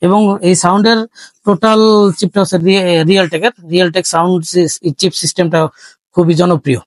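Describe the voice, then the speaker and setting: A man's voice: high voice, steady tone, moderate pace, no room sound. A man casually walking through the parts of a gaming PC build, chatty and explaining as he goes, mixing in English tech terms. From Bangladesh. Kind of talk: casual hardware walkthrough.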